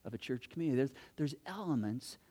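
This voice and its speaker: A man preaching a sermon as pastor in a church, animated, asking many rhetorical questions and swinging from loud to hushed. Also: mid-range voice, fast talker.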